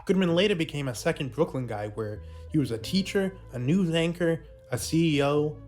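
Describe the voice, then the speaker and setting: A man with a slightly high voice and lively intonation narrates an informal video essay at a moderate pace, with faint music behind him. He's offering casual commentary on a puppet series.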